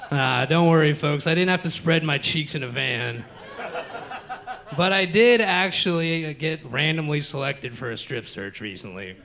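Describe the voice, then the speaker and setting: A man's voice: on the high side, lively intonation, measured pace, gravelly, a bit bright. A man from the United States doing a live stand-up set in a comedy club, profane and talking straight to the crowd as folks.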